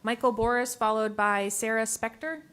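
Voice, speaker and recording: Higher-voiced woman chair calling names. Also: steady tone, fairly bright tone, clear, resonant tone. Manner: brisk, announcing names. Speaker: meeting chair calling speakers.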